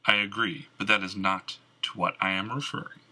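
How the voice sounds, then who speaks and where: A man voicing a noble, brooding knight who speaks in formal, measured sentences, in an audiobook. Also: fairly low pitch, fairly even intonation, sharp tone, low-quality recording. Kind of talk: audiobook character reading.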